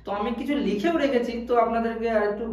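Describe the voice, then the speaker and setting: High-voiced man teaching in an echoey room. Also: far from the mic. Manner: slow, repeats words, frequent "ah" fillers. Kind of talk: explanatory lesson.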